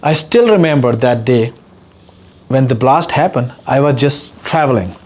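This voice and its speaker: A man's voice: mid-range voice, moderate pace, darkish tone, slight background noise. A man from Pakistan with a Pakistani accent, giving an earnest, emotional personal testimony as an activist guest speaker. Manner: earnest, impassioned, repetitive emphasis.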